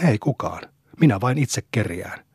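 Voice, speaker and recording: A man's voice: on the low side, expressive, a little mellow, slightly rough, dry recording, clean studio sound, exaggerated voice. A man reading the lines of a bragging beggar boy in a storybook. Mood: boastful. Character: boastful poor beggar boy.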